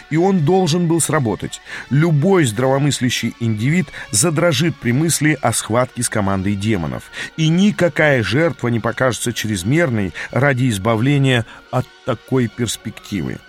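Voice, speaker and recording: A man reading an audiobook in an expressive storytelling manner. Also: medium pitch. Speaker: audiobook narrator.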